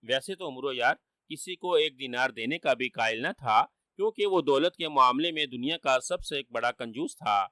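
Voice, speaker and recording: A man narrating a children's story in a steady, expressive way. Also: medium pitch, hardly any pauses, no room sound.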